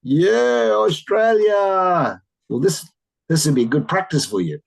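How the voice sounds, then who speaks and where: A teacher leads a children's class over a video call. The voice is slightly husky and full of wide pitch swings. It gives big, exclaimed reactions to every answer. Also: a little fast, poor audio. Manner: animated, encouraging, exclaiming with surprise. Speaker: English teacher.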